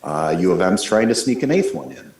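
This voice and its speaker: Earnest low-voiced man calling in. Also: very animated, darkish tone, roomy sound. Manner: earnest, measured advocacy. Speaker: caller giving public comment. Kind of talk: call-in public comment. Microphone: phone call.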